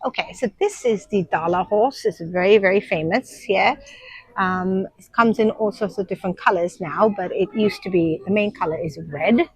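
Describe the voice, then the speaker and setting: Moving through the shops and seating of a busy airport, a woman in her thirties from Sri Lanka narrates a casual vlog to camera. A nursery teacher, she speaks in a husky mid-range voice at a moderate pace, chatting and explaining with lots of ums, with no room sound.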